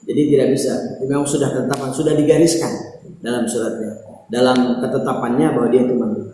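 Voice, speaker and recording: Echoey preacher in a prayer hall. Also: male voice, brisk. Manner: animated storyteller acting out dialogue, rising high when excited. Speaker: Islamic preacher. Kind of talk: storytelling religious lesson. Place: prayer room. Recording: very echoey hall recording, faint hum.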